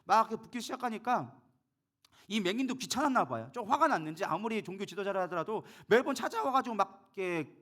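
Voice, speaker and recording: Fast, high-voiced male pastor preaching. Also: big pitch swings, fairly bright tone. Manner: vivid storytelling, acting out the quoted lines; frequent fillers and self-corrections. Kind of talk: sermon.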